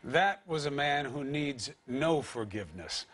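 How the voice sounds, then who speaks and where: A male news anchor introducing a guest on a morning show. His voice is mid-pitched, and he delivers each line in a measured, earnest way. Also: expressive, fairly bright tone.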